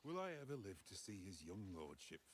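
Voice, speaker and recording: A cautious male servant grumbles about danger and duty in rustic speech. His voice sits low yet moves about a lot in pitch. It is a video game performance. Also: very animated, fairly quick. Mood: grumbling.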